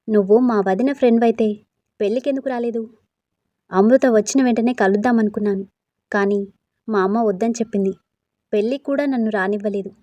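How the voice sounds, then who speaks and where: Woman narrating a story, warm mellow tone, dry mic, same voice for everyone. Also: medium pitch, no room sound. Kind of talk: narrating a story, voicing all the characters.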